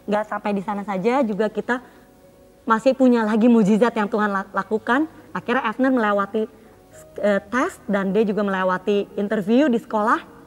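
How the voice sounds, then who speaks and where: A woman's voice: medium pitch, moderate pace, soft background music. A mother giving a testimony at church, talking with feeling, with many fillers, and slipping English words into her speech. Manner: emotional, many fillers, shifts between Indonesian and English.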